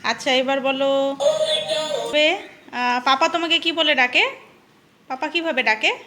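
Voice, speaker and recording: A woman's voice: high voice, a little slow, bright, forceful tone, soft background music. A young adult woman vlogging at home, coaxing her small child with repeated questions. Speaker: vlogger and mother. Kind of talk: casual home vlog. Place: family home.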